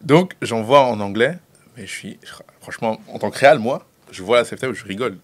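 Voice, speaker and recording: A young film director from the Central African Republic chats casually as an interview guest, storytelling in a Central African French accent. He laughs often and stumbles over repeated words. His medium-pitched voice is animated and a little fast.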